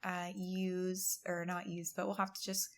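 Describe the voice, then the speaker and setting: A woman's voice: fairly low pitch, level tone, measured pace, slight background noise. A woman hosting a let's-play, giving chatty, giggly gameplay commentary and laughing often. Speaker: gaming channel host.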